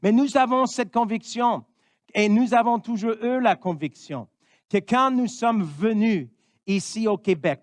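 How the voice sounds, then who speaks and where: A man's voice: high-pitched, dry recording. A man in his fifties from Missouri, a pastor, preaching a sermon in an earnest way and often saying amen. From Missouri, United States.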